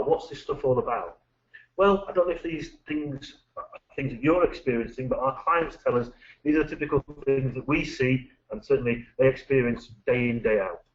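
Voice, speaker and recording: A middle-aged British man, a management consultant, presenting a business webinar with lively, anecdotal, punchy delivery. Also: mid-range voice. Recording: dull lo-fi recording.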